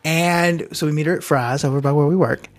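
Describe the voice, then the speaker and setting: Speaking briskly in a fairly high voice, with faint music behind him, a podcast co-host shares a long, meandering anecdote full of tangents and corrections. He chats casually through a studio mic plugged into his computer.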